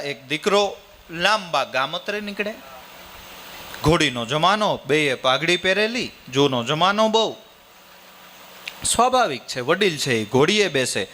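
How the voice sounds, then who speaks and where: A man with a Kathiawadi accent preaches in a folksy, storytelling manner. His voice sits somewhat high and bright. Faint noise runs underneath. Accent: Kathiawadi Gujarati. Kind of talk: sermon with storytelling.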